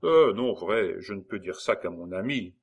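A man's voice: fairly low pitch, expressive, normal speed, slightly rough. A man reading as a boastful revolutionary informer. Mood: sly. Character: gruff male revolutionary patriot, boastful informer.

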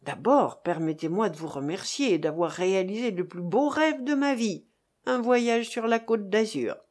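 Woman narrator voicing a gushing, fussy old man; animated, chattering. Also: medium pitch, moderate pace, lightly acted. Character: fussy excitable thin older man servant.

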